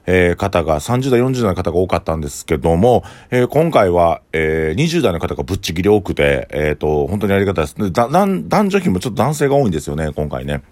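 A man with a Kansai accent, a restaurant owner hosting his own podcast in a relaxed, rambling way with many filler sounds. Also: low voice, fast talker, hardly any pauses, no room sound. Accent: Kansai Japanese. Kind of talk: casual solo podcast talk.

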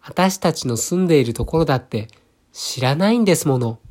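A man voicing a greedy, timid little baby bird who pleads in a high, plaintive voice. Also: moderate pace, lightly acted. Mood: carefree.

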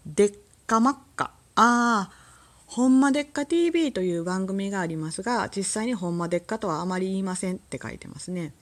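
A woman with a Kansai accent chatting alone on a podcast, relaxed and rambling, laughing often. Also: medium pitch, fast, few pauses. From Kansai, Japan. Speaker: solo podcast host. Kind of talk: casual solo talk.

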